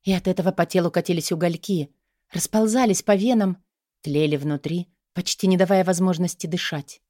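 A woman reading a first-person romance novel aloud in a measured, expressive voice. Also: lowish voice, dry recording, clean studio sound. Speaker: audiobook narrator.

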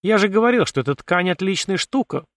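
Ship AI with a smirk, man reading, audiobook, slightly high voice, dry close sound. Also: animated, brisk, no room sound. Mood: mocking. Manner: dry, mocking, matter-of-fact. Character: wry sarcastic male ship AI.

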